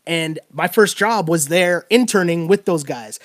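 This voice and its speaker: A man in his thirties speaks with a fairly high voice. He hosts a casual sports podcast, animated and chatty, leaning on "like." The recording is dry and close. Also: unhurried, no room sound. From Canada. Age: 30s. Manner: animated, talks with filler "like" and laughs. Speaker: podcast host.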